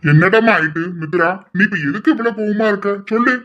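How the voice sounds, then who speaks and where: A woman's voice: medium pitch, a little fast, fairly bright tone, lo-fi sound, natural voice. A woman voicing a stern but caring middle-aged father in an audio drama, speaking in an insistent, questioning way. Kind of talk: amateur audio drama acting.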